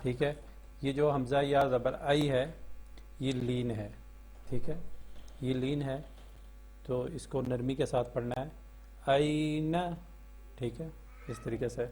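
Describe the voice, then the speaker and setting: A male Quran teacher who hosts a channel, chanting letter-by-letter recitation slowly and explaining the rules in quick speech. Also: fairly even intonation, a little mellow. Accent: Pakistani Urdu. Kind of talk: Quran reading lesson with chanted spelling. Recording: low electrical hum.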